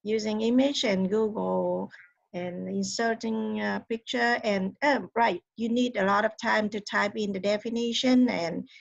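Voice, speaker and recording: Slow, gravelly woman on dull call audio. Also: medium pitch, steady tone. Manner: halting, frequent fillers. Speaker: teacher, webinar participant. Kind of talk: sharing classroom experience. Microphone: computer mic on a video call.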